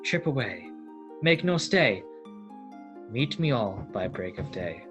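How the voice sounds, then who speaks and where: A man's voice: on the low side, big pitch swings, takes it slowly, muffled recording, over music. A man playing a commanding fairy king, speaking rhythmic, incantatory verse. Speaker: student actor.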